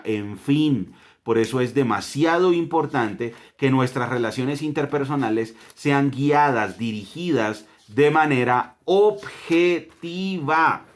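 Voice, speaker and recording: A Colombian man gives a family Bible lesson at a middle pitch. He talks with emphasis, asks rhetorical questions and stacks phrases one after another. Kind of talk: family devotional teaching.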